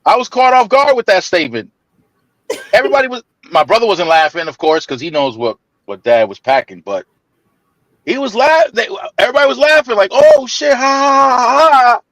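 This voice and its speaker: A man spins a story in loose, casual chat, his voice climbing and dropping all over as he laughs and trips over his own restarts. He is fairly high for a man and sounds close and dry, with no room around him. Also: a little fast, dry recording, poor audio. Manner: animated, laughing, stammering restarts, swings into high mimicking voices.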